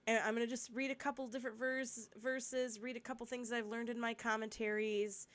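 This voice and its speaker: A woman with a cold talks through a Bible study in a casual, chatty way. She rambles, doubles back on herself and adds asides. When she reads the verses she slows down to a careful, steady pace. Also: on the high side. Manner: reads scripture slowly and steadily. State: congested with a cold, coughing.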